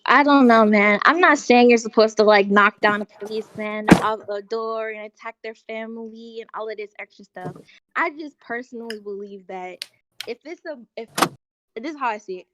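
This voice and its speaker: A woman's voice: fairly high pitch, moderate pace, background noise. A woman in a casual online debate, hesitant and restarting her sentences, heard through a voice-chat mic that keeps cutting in and out. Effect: choppy online voice-chat mic that keeps cutting in and out. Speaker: debate participant. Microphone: computer mic over online voice chat.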